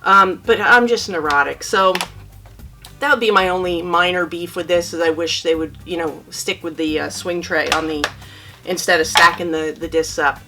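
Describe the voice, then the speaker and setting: A woman's voice: lowish voice, fairly even intonation, normal speed, music in the background. A woman chatting casually to camera as she shows her monthly movie haul, rambling a little and correcting herself as she goes. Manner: chatty and rambling, with frequent ums and self-corrections. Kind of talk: casual unboxing chat to camera.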